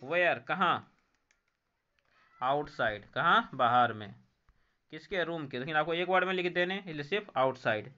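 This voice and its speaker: A man's voice: a little high, animated, a little slow, long pauses, bright, forceful tone, dull audio. A man with an Indian accent teaching an English textbook lesson, reading each English line and explaining it in Hindi, repeating every answer word. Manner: reads English lines then explains them in Hindi.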